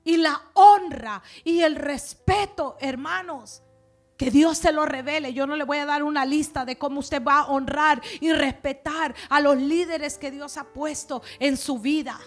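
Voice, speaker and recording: A woman's voice: sits high, fairly even intonation, unhurried, faint music behind. A woman pastor preaching a sermon in a conversational, coaxing way, often checking in with her listeners. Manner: conversational, coaxing, frequent "verdad" and "amados".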